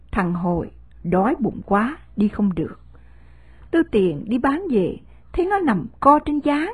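A woman narrating a novel chapter in a steady, measured storytelling voice. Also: a little high, husky, no echo. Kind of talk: scripted audiobook narration of a novel.

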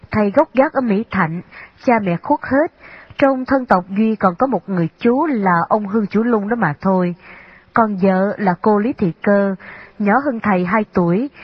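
A woman narrating a storybook in an even, unhurried reading manner. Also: mid-range voice, husky, no echo. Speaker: audiobook narrator. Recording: slightly dull, dry lo-fi recording.

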